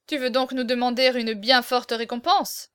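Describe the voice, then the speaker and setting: A woman's voice: on the high side, steady tone, moderate pace, clear, resonant tone, no echo, clean studio sound, natural voice. A woman reading the part of a scheming, commanding nobleman prince, curt and imperious, in an audiobook. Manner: curt, imperious, louder than the narration.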